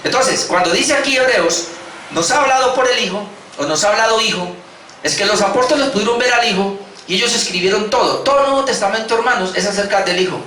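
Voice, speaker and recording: A man's voice: high-pitched, quick pace, sharp tone, slight background noise. A man with a Colombian accent preaching a sermon as pastor, emphatic and repeating key words, calling his listeners brothers. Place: church hall. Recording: echoey church hall, mic from a distance.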